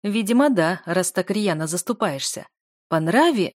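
A woman's voice: medium pitch, expressive, normal speed, dry recording, clean studio sound, lightly acted. A woman voicing a cruel, mocking young aristocrat man in an audiobook, jeering and taunting.

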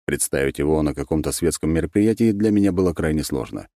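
A man narrating a fantasy audiobook in an even, measured storytelling manner. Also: extremely low pitch, no echo, clean studio sound. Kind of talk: scripted narration.

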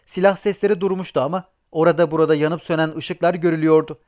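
A man reads a seafaring novel aloud in steady, scripted audiobook narration. His voice sits a little on the high side for a man. He takes the characters' lines himself as he goes. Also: quick pace.

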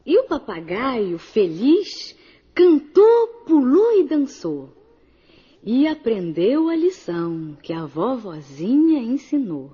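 Woman, children's story narration, expressive, lively pitch, unhurried. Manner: expressive, addresses the child listener. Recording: dull lo-fi audio.

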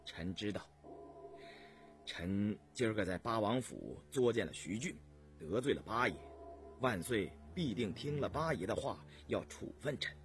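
A man voicing a plainspoken court official who hesitates with drawn-out fillers. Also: lowish voice, animated, soft background music, voice pushed down. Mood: frank. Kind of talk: storytelling radio reading.

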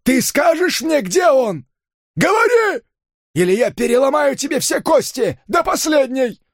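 A man voicing a furious, panicking middle-aged father and violent thug, his hoarse voice going shrill as he screams. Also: big pitch swings, a little slow, no echo, clean studio sound, exaggerated voice. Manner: screaming, frantic.

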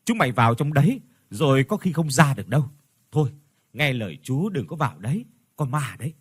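A man's voice: medium pitch, big pitch swings, a little fast, breathy edge, no echo, studio quality. A man doing a half-joking old innkeeper. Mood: warning. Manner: teasing yet cautioning. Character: elderly male inn owner, half-joking, warning.

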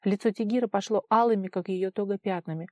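Lady reading a story aloud, even steady tone, dry close mic. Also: medium pitch, fast, no room sound. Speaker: audiobook narrator. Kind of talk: scripted narration.

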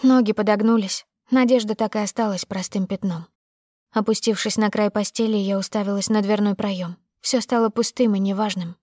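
A woman narrating a first-person audiobook in a steady, emotive storytelling manner. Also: mid-range voice, moderate pace, no echo, studio quality.

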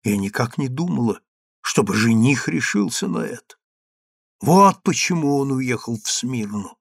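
A man's voice: medium pitch, expressive, measured pace, creaky, no room sound, clean studio sound. A man voicing a stern, grieving mother who presses her daughter for the truth in a storybook reading. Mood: insistent. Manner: stern and insistent. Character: stern grieving mother, commanding then pleading.

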